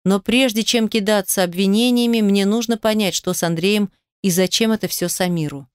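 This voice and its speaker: A woman's voice: mid-range voice, fairly even intonation, moderate pace, clear, resonant tone, no echo, studio quality. A woman narrating a romance audiobook in the first person, reading with heartfelt emotion.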